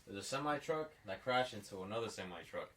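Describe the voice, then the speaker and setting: A man with a fairly low voice talks casually, a little distant from the microphone. His manner is pure frat bro, with slangy swearing and plenty of "bro" and "dude" as he co-hosts a podcast chat. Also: expressive, fast talker, a bit bright. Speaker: podcast co-host.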